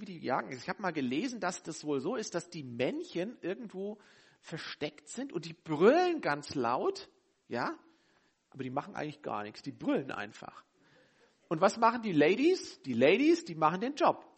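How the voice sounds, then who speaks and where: Husky guy giving a sermon, urgent then hushed, voice leaping all over. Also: high voice. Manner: emphatic, swings between loud urgency and quiet intensity. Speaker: preacher.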